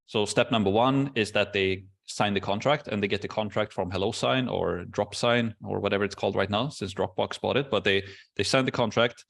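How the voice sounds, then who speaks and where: A man hosting a casual Q&A video call, explaining processes step by step in a relaxed way with many fillers. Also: on the low side, fairly quick, gravelly, hardly any pauses. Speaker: course host answering questions.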